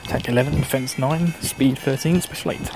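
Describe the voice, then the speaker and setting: A male gaming host with a mild Essex English accent and an average-pitched voice. He rambles casually through his commentary, chatting to himself as he plays. Music runs clearly behind him. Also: fairly quick, low-quality recording. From Essex, England. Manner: chatty, talking to himself while playing.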